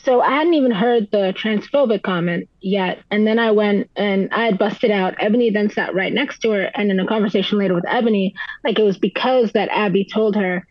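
A woman's voice: mid-range voice, fairly quick, hardly any pauses, dry recording. Dry, dull-sounding woman telling a story. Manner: animated retelling with many "like" fillers. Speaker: poker player guest. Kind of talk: podcast storytelling.

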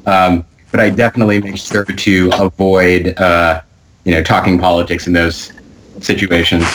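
Man, very low voice, relaxed casual talker, light clicking noise behind. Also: moderate pace. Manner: relaxed, a few fillers. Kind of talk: casual chat.

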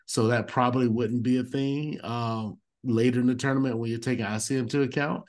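A man's voice: mid-range voice, steady tone, brisk, a little mellow. A man on a podcast explaining strategy methodically, reading out details step by step. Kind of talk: casual strategy discussion.

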